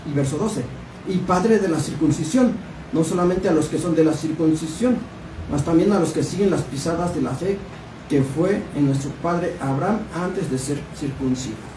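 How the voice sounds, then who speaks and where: A man's voice: on the high side, moderate pace. A man preaching in a church, reading scripture and asking the congregation questions. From Mexico. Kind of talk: Bible study sermon. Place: church hall. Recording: echoey room, distant mic, background noise.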